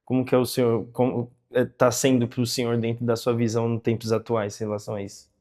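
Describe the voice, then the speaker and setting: A man interviewing a friar, asking his questions in halting, hesitant phrases. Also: medium pitch, completely flat delivery, a little mellow.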